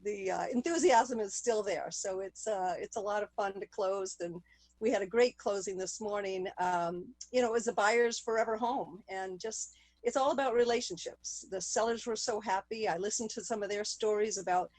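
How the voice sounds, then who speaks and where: A woman's voice: mid-range voice, normal speed, a little mellow, no room sound, poor audio. A woman with a mid-range voice talks in a casual interview manner. She sounds like a working real estate agent on a video call, with very little room sound around her.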